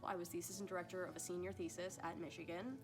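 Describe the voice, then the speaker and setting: Young woman, even low-ish delivery, brisk and plain. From New York City. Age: young adult. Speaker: directing student. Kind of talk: casual interview. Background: background music.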